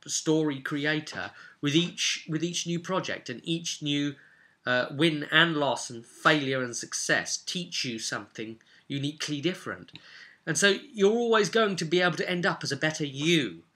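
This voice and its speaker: Hosting his vidcast as a game master, a man rambles through casual, emphatic explanations, repeating words to drive points home. His voice is on the high side, bright and forceful, at a normal speed.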